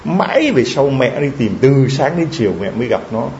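A man's voice: medium pitch, big pitch swings, moderate pace, creaky, darkish tone, a little hiss or hum. A man preaching, retelling a story with strong emotion and stammered repeats. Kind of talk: moral storytelling in a sermon. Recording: dull lo-fi recording.

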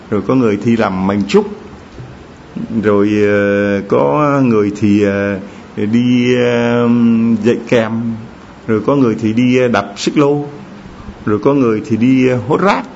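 Storytelling priest in a dull recording. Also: male voice, unhurried, a little hiss or hum. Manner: storytelling, lively, addresses congregation directly with questions. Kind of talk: sermon. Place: church. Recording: dull low-fi sound with faint ambience.

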